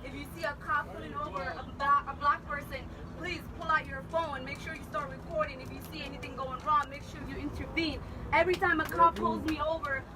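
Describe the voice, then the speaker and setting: Earnest woman rallying a street crowd; higher voice, heard from a distance over traffic noise. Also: steady tone, a little fast, few pauses. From Somalia. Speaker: protest speaker. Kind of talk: impassioned street speech. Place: outdoor street protest.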